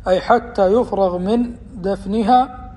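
A man giving a religious lesson, explaining hadith in a measured, deliberate way and slowing down for quotations. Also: sits high, dark tone. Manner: measured, deliberate explanation with slow quoted passages. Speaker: Islamic teacher. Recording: long hall reverb.

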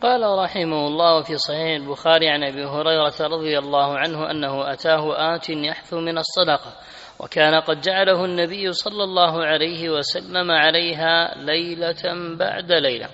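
A man reading a religious text aloud in a measured, formal way. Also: a little high, sharp tone. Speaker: reader of the text. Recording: reverberant hall, dull lo-fi sound.

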